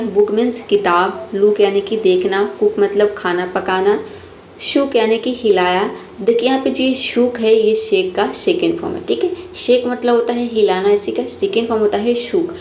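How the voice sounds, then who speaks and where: A woman's voice: medium pitch, a little mellow. Methodical female English teacher. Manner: patient, methodical, repeats "ठीक है" often. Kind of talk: phonics lesson explaining rules step by step. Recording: echoey room, faint noise.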